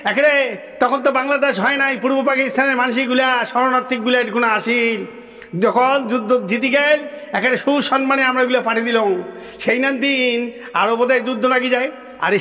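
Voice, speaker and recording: A man's voice: very high voice, sharp tone, big-room sound. A man voicing chatty old village men in a folk puppet-show dialogue, speaking with a Rajbanshi accent and a folksy, repetitive manner. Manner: repetitive, folksy, laughing asides.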